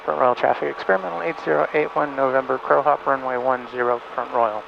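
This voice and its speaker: A man's voice: mid-range voice, steady tone, fast, vocal fry. A man piloting a small aircraft, narrating casually and making terse radio calls, with dull lo-fi sound. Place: small aircraft cockpit with engine running. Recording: dull lo-fi cable audio, loud engine noise.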